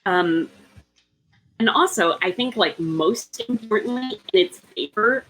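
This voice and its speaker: A woman's voice: medium pitch, expressive, measured pace, a bit bright, rough recording. A woman on a casual book discussion podcast, making a long, careful argument with frequent ums and restarts. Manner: analytical, argues at length with many ums. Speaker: podcast co-host.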